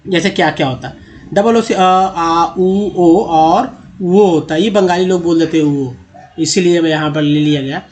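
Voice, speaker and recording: A man with a fairly high voice gives a pronunciation lesson. He repeats each word slowly, several times over, and keeps checking with the listener through questions. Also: a little mellow, slight background noise. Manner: repeats words slowly and drills pronunciation, asking the viewer questions. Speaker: English teacher. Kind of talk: Hindi-language English reading lesson.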